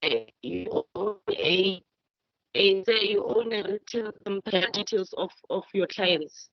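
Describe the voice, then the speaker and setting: A woman advocate on a video call, answering questions in halting speech with many repeated words while her audio breaks up and glitches. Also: mid-range voice, very animated, creaky, dry recording. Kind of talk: online webinar Q&A. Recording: dull lo-fi call line.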